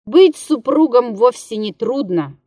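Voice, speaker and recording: A woman voicing a drunk male musician who mocks and wheedles in a slow, slurred way. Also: a little high, animated, warm tone, no echo, clean studio sound. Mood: mocking.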